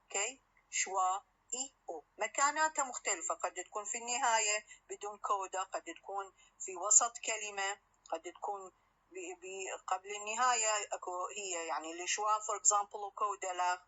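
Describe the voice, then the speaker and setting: A woman's voice: medium pitch, moderate pace, bright, forceful tone, highs cut off. A woman lecturer with an Iraqi accent, teaching a class, who repeats examples and often checks with "okay?". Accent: Iraqi Arabic. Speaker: university lecturer.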